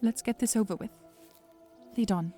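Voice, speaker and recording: A woman's voice: fairly high pitch, normal speed, natural voice. A woman playing curious young Princess Zelda. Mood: deflated. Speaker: voice actor. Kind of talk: audio drama acting. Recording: soft music behind.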